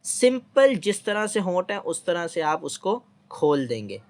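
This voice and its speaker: A man teaching Quran reading in a recorded online lesson, patient and repetitive, pronouncing letter names clearly and often checking that listeners are following. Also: high voice, very animated, a little slow, darkish tone.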